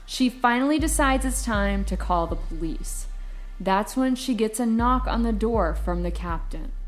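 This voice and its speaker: A woman hosting a true-crime review podcast, retelling the story with playful, sarcastic asides. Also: fairly high pitch. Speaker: podcast host.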